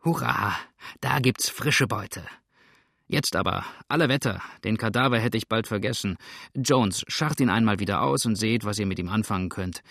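A man voicing a gruff bossy river pirate. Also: on the low side, fairly quick, a bit bright, dry recording, clean studio sound. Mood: gleeful, bossy. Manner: gruff, commanding. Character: rough grown male river pirate, bossy.

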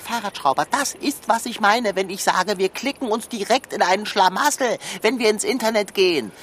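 A woman's voice: medium pitch, normal speed, a little hiss or hum, close to an everyday voice. A woman voicing a grumbling, theatrical, lazy talking tomcat in a children's audio drama, with wry, eloquent delivery. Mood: exasperated.

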